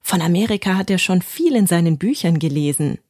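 Storyteller: woman, gentle bedtime reading, husky tone, dry close mic. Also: fairly low pitch, lively intonation, fairly quick, dry recording.

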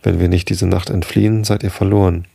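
A man's voice: sits low, flat delivery, brisk, creaky, warm tone, husky, no room sound, clean studio sound, full character voice. A man voicing a grim, determined young frontier hunter in a storybook reading, speaking firmly and urgently. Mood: grimly determined. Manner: firm, urgent.

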